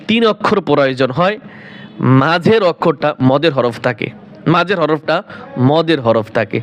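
High-voiced man teaching Arabic letters. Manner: asks the viewer questions and answers them himself, repeats letters slowly. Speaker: Quran teacher. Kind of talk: Arabic alphabet pronunciation lesson.

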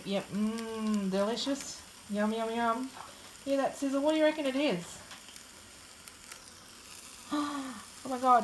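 A woman chatting casually and jokily as she narrates her home cooking on a phone video. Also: mid-range voice. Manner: playful, jokey, colloquial. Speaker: home cook reviewing gadgets. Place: indoors at home, by an electric grill. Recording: clearly noisy, food sizzling nearby. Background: sizzling, frying food.

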